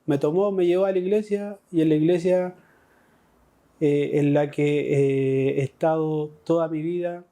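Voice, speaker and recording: A man's voice: on the high side, fairly even intonation, a little slow, warm tone. A middle-aged man with a Chilean Spanish accent, telling his personal faith testimony with emotional, repeating phrases. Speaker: testimony speaker.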